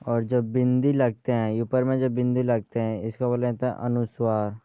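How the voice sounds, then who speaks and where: A man teaching a grammar lesson, speaking slowly and repeating key terms for his students. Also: mid-range voice, little pitch movement, mellow, smooth, no room sound, dull audio. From Bihar, India.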